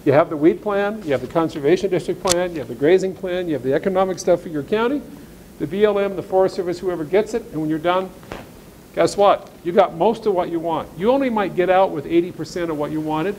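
A high-voiced man talks fast in a darkish tone, heard on a low-quality recording with a bit of hiss or hum. Addressing ranchers at a farm seminar, he reads legal text aloud and follows it with blunt, sarcastic, homespun commentary.

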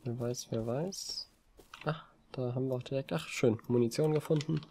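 A man giving relaxed, rambling commentary over a video game from his desk, with frequent hesitations. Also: medium pitch, moderate pace, slight background noise. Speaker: let's play gamer. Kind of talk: casual gameplay commentary. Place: home desk. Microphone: desk mic on a stand.

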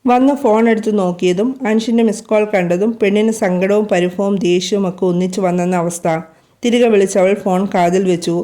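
A woman reading a romance story aloud in a gentle, steady narration. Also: medium pitch, a little fast.

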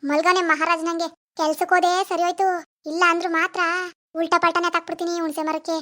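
A woman's voice: very high-pitched, little pitch movement, fast, pushed and bright. A woman voicing a vengeful female ghost in a cartoon, scolding and threatening a lazy husband. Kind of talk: animated cartoon voice acting.

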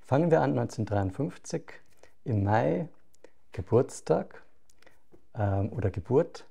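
A middle-aged man hosting a podcast interview, speaking in a relaxed, low-key way as he introduces his guest. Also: unhurried, creaky, husky. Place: temple hall with a Buddha shrine.

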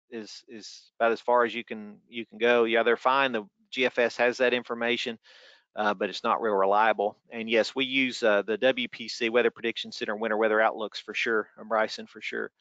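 A man's voice: mid-range voice, flat delivery, normal speed, fairly bright tone, clear, resonant tone, no room sound, dull audio. A man with a Tennessee accent answering questions informally as a trainer in an online session, conversational and folksy. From Tennessee, United States. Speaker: weather spotter trainer.

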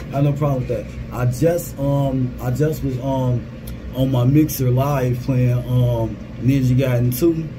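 A man in his thirties talks informally as a gaming creator updating his followers. His voice sits at a middle pitch and he circles back over his phrases. The phone recording, made in a small booth, carries clear ambient and vehicle noise. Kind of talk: casual vlog update. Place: small security guard booth.

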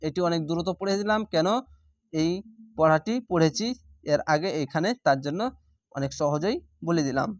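A man teaching Quran reading, spelling out each letter and syllable and then drawing the joined word out slowly. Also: fairly high pitch, dry recording, clean studio sound. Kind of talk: spelling-out Quran recitation lesson.

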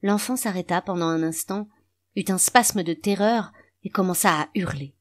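Female audiobook narrator, lowish voice, calm measured literary reading.

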